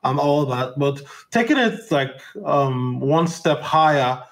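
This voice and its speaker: A male podcast host asks long, winding questions about business. His voice sits a little high for a man, and he leans on fillers like um and you know. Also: animated, takes it slowly.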